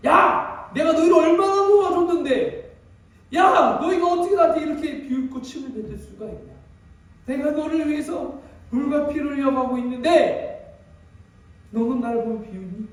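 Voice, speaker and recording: A man voicing an imagined Jesus who shouts back in protest at those mocking him. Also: very high-pitched, normal speed, pitched above the performer's own voice. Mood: indignant, shouting. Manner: indignant shouting, rebuking. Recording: very echoey hall, distant mic.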